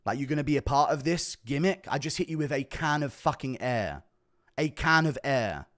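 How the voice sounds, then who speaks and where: A man's voice: mid-range voice, animated, moderate pace, fairly bright tone. A man giving emphatic, profane reaction commentary on a video clip, repeating quoted lines as he goes.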